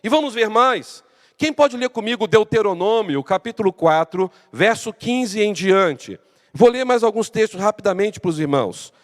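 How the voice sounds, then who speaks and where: A Brazilian pastor preaching a Bible-study sermon, his voice sitting high for a man. He reads scripture slowly and asks the congregation rhetorical questions. A long reverb trails his words through the church hall. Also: animated. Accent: Brazilian Portuguese.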